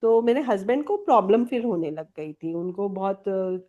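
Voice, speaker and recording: Woman, Kolkata, interview guest: warm, mellow tone, candid storyteller who laughs readily. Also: medium pitch, expressive, normal speed, muffled recording. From Kolkata, India. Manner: candid storytelling, mixing English words into Hindi, laughs often. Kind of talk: personal testimony in conversation.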